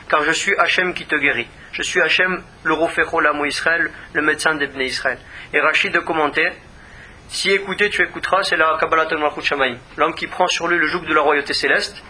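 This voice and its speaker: Male rabbi type, earnest teaching voice, very bright timbre, broadcast feel. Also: fairly high pitch, a little hiss or hum. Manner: earnest, repeats words when searching. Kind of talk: religious lesson.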